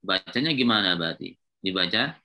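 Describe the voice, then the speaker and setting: Man, Arabic grammar lesson, lowish pitch, bright tone, patient and repetitive. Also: expressive, brisk, vocal fry. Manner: patient, repetitive, checks with students often. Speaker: Islamic teacher of Arabic grammar. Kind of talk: classroom lecture at a whiteboard.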